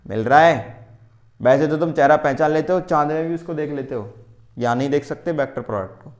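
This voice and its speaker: A man's voice: a little high, a little fast. A man with an Indian accent teaching physics at a board, quizzing his students and teasing them. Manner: lively, quizzing students and answering his own questions, teasing. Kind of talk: classroom lecture at a board. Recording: roomy echo.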